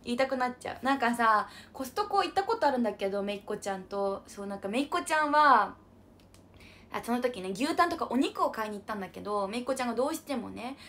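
The voice is a young woman's, fairly high and fairly bright, with fast, expressive delivery. As a livestream idol host, she chats bubbly through viewer comments in a laid-back stream and calls herself by an unusual, cutesy pronoun.

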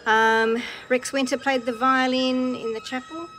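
A woman's voice: high-pitched, flat delivery, measured pace, fairly bright tone, soft background music. Chatty woman reminiscing. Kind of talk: casual reminiscing.

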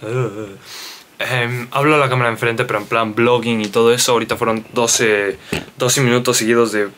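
A man's voice: medium pitch, fairly even intonation, moderate pace, a bit bright, a little hiss or hum. A young man talking casually to his camera in a vlog, rambling and chatty with many asides and fillers. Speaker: vlogger.

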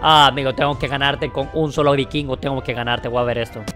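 A young man giving chatty gameplay commentary, excitable and talking straight to his viewers. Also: medium pitch, fast talker. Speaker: gaming youtuber. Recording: faint game music behind.

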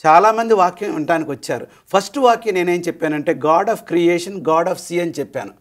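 A middle-aged man teaching scripture as a guest in a Bible study, explaining with lively, storytelling energy. His pitch sits a little high for a man and swings widely as he acts out questions and doubts. He slips English phrases into his talk. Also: normal speed. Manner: animated storytelling, mixes English phrases into Telugu.

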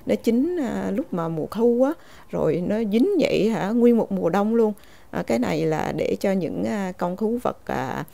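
Chatty woman with a dark, gravelly voice. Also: medium pitch. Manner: chatty, filler-heavy, exclaims at scenery. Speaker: vlogger. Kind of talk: casual travel vlog narration. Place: outdoors in a snowy park, then at home.

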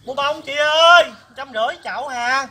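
A man's voice: high voice, lively intonation, a little fast, husky, heavily acted. A man playing a chatty, nosy older village flower seller woman with a Southern Vietnamese accent, exclamatory and gossipy in a comedy skit. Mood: folksy, exclamatory. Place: outdoors in a palm garden. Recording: loud background music.

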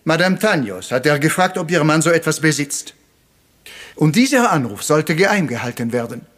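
Hercule Poirot, high-voiced, courteous detective. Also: male voice, expressive, a bit bright. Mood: dramatic, explanatory. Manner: courteous, deliberate, peppering speech with French words. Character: polite, theatrical little Belgian detective, patient and self-assured. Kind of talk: retro German crime radio play. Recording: music under the voice.

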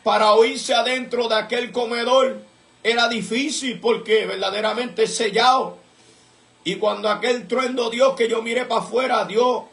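High-voiced man giving fervent church testimony. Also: fairly bright tone, reverberant. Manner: earnest storytelling with repeated "I remember that"; fervent, breaks into praise mid-story. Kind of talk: religious testimony.

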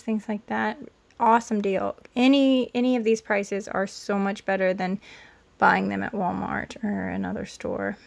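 A woman's voice: medium pitch, gravelly, a little mellow. A woman in her thirties, a homesteading vlogger, chatting casually through a shop-with-me grocery haul, filmed on a handheld phone in a store and then at home. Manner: chatty, price-focused, self-correcting. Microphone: handheld phone camera.

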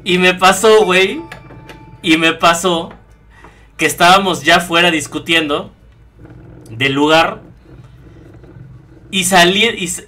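Young mexican streamer guy, slangy and swearing a lot, kinda high bright voice. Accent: Mexican Spanish. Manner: profane, slangy and animated. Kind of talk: casual storytelling chat.

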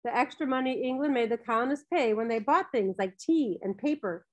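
A woman narrating a children's novel in a gentle storytelling manner. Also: a little high, brisk. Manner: gentle storytelling, briefly voicing characters. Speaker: audiobook narrator.

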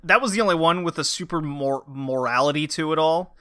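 Bright, dry-sounding chatty man. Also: a little high, fairly quick, dry recording. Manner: rambling, laughing recaps, many fillers. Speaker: podcast co-host. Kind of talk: casual chat.

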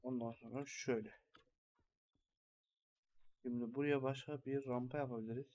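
A man's voice: medium pitch, fairly even intonation, moderate pace, a little mellow, lo-fi sound. A young man hosting a gaming channel, giving rambling, think-aloud commentary while he builds in a farming game.

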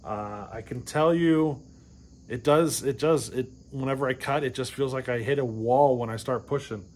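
In his garage workshop, a chainsaw channel host in his forties talks to the camera about chainsaw chains in casual shop-talk fashion, rambling, backtracking and often asking "you know what I mean." His voice is an ordinary middle pitch with a darkish tone, at normal speed. Faint crickets chirp in the background, and there's a little hiss or hum.

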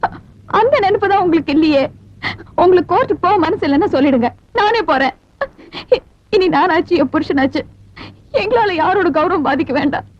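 An actress playing a young married daughter, pleading and tearful, in a film drama. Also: female voice, very high voice, expressive, fairly quick, long pauses, lo-fi sound.

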